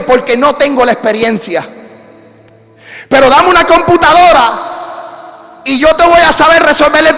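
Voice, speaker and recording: A man with a Puerto Rican accent, a pastor telling a personal story in a sermon with lively calls to his congregation. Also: very high-pitched, vocal fry. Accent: Puerto Rican Spanish. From Puerto Rico. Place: church sanctuary. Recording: church hall reverb.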